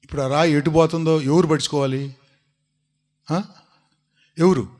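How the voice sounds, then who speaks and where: A man's voice: fairly high pitch, moderate pace. A man preaching a sermon, telling a story with animation and calling out questions to his congregation. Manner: animated storytelling, asks the congregation questions and urges them to shout.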